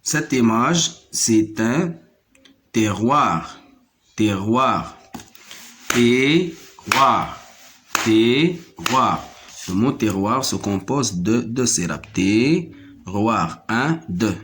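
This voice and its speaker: Slow, patient man teaching French. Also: on the low side, expressive, noisy background. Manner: repeats each word slowly and counts syllables. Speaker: primary school French teacher. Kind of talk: slow classroom reading lesson.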